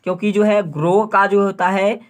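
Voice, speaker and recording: Patient tutor who spells words out. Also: male voice, high-pitched, little pitch movement, moderate pace. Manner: asks and answers his own questions, spells words letter by letter; repeats each phrase and checks in with "okay". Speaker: English grammar teacher. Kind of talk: online tutorial lesson.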